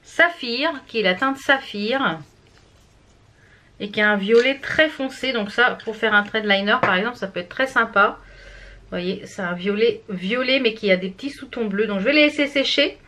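A woman's voice: a little high, normal speed, bright, forceful tone. A woman from France chatting casually through a makeup product review, with many fillers and restarts. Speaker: beauty vlogger.

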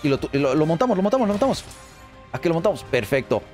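A man giving excited let's play commentary, chatty and often repeating phrases in quick bursts. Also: fairly high pitch. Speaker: gameplay commentator. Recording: faint game music underneath.

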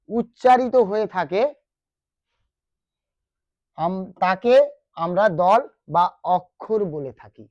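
Slow, deliberate teacher with a West Bengal accent. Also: mid-range voice, a little mellow, dry recording. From West Bengal, India. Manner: deliberate, repeats key terms, asks students questions. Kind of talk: explaining a grammar lesson to students.

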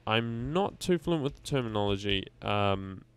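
Man, coding tutorial host, casual and rambling, corrects himself often, gravelly, dry close sound. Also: on the low side, expressive, moderate pace, dry recording. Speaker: game development tutorial host.

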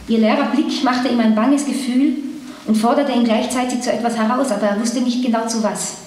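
A woman, reading her own prose in a measured, even way at a live museum reading. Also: a little high. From Tyrol, Austria. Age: 30s. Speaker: author. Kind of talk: literary reading. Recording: echoey hall, distant mic, faint room noise.

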